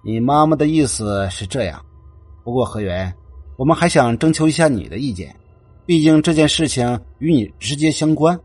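A man's voice: medium pitch, animated, normal speed, a little mellow, slightly rough, no room sound, soft background music. A man voicing a stern but earnest male university counselor who tries to mediate between mother and daughter. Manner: stern, then pleading.

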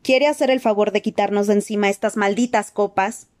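A woman voicing a rude, irate middle-aged man in an audiobook, gruff and demanding. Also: mid-range voice, steady tone, fairly quick, darkish tone, natural voice. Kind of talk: audiobook character voice.

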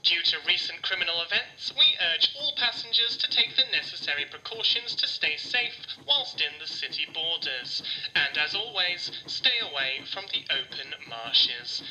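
A man's voice: on the high side, lively intonation, moderate pace, bright, forceful tone, low-quality recording. A man voicing a male train conductor giving formal announcements.

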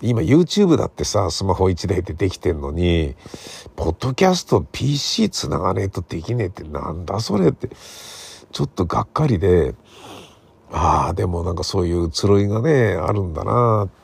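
Recorded on a smartphone, a middle-aged podcast host and radio drama writer talks alone in a casual monologue, his voice low and creaky with a husky edge. He is very animated and brisk, rambling conversationally and seeking agreement through soft sentence endings that check in with the listener.

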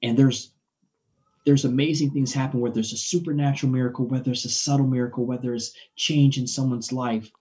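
A man's voice: mid-range voice, steady tone, fairly quick, darkish tone. Enthusiastic preacherly man in his forties. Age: 40s. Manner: enthusiastic, preacherly, repeats words as he builds a point. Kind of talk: casual faith conversation.

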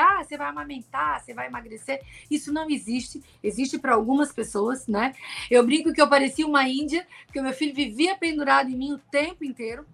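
A woman's voice: sits high, fairly bright tone. A middle-aged woman telling her own story as a podcast guest, emotional and candid, often ending phrases with a questioning tag. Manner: emotional storytelling, frequent "né?" tags. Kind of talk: personal testimony in a podcast interview.

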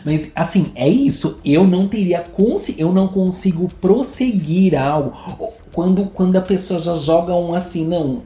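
A man's voice: high voice, moderate pace, hardly any pauses, reverberant. A man with a Brazilian Portuguese accent, chatting casually as a podcast co-host and acting out the people in his stories. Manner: animated storyteller acting out quoted voices. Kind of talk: casual gossip chat.

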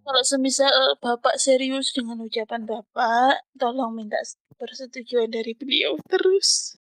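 A woman's voice: sits high, moderate pace, dry recording, lightly acted. A woman playing a polite, earnest patient who speaks hesitantly and respectfully, in an amateur skit. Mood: pleading.

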